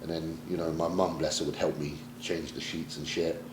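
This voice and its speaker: A man's voice: rumbling low, level tone, normal speed, background noise. A man from Britain, a pro bodybuilder, talking candidly and emotionally in a sit-down interview, swearing casually as he reflects. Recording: roomy echo, faint ambience.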